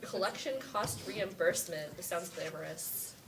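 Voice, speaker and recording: A woman chairing a city council committee meeting, reading agenda items briskly and laughing easily. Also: lowish voice, creaky. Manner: brisk, laughs easily, reads long figures rapidly. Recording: distant mic with faint background noise.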